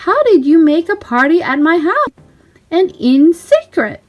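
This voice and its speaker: Woman voicing eager, high-pitched Mickey Mouse. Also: very animated, unhurried, highs cut off, soft background music, exaggerated voice. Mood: concerned, puzzled. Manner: bright-eyed, wondering, exclamatory. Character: cheerful, eager, polite male cartoon mouse.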